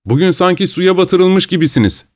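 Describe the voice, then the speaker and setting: A brusque young male painter in an audiobook, read by a man. He breaks in abruptly, his voice pushed up high and loud. The lines come short and offhand. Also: animated, normal speed. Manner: abrupt, shouting out. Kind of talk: audiobook character reading.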